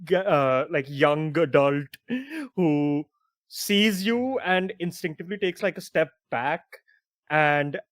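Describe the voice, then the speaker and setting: A man's voice: a little high, slow, dry recording, studio quality. Casual man narrating as game master. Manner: casual, lots of "like" and "uh" fillers. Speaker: dungeon master.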